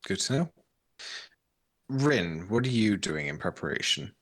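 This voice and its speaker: A man's voice: lowish voice, very animated, unhurried, fairly bright tone, no echo, studio quality. A man narrating an improvised tabletop game as the game master.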